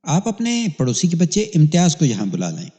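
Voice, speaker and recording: A man voicing a worried, hurried village mother in a read-aloud crime story. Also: on the high side, wildly swooping pitch, dark tone, in a large hall, pitched above the performer's own voice. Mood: hasty. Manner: hasty, anxious.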